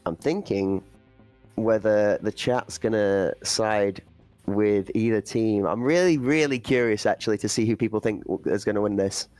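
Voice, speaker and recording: A man's voice: fairly low pitch, moderate pace, a little mellow, no echo, soft background music. A man commentating an esports playoff, breaking down play and building hype for the chat. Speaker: esports caster.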